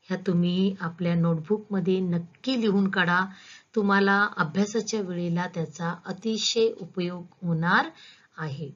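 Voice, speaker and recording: A woman's voice: fairly low pitch, fairly even intonation, unhurried, dull audio. A woman school teacher giving a patient, step-by-step grammar lesson, asking her students questions as she goes.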